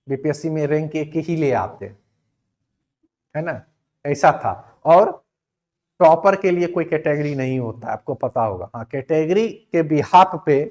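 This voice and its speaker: A man's voice: a little high, a little mellow. A man, giving a casual coaching lecture and asking his students rhetorical questions. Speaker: exam coaching teacher.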